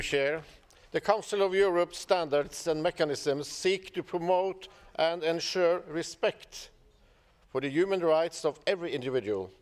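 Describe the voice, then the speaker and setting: A man speaking as a parliamentarian, reading a measured, formal statement to an assembly. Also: fairly high pitch. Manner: measured, reads a prepared statement.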